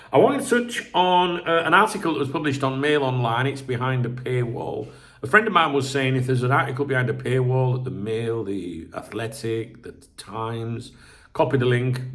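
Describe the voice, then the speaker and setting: This football channel host has a mid-range voice with a fairly bright tone and talks in a loose, chatty, rambling style. He's a bit croaky with a sore throat, clears his throat frequently, and curses casually.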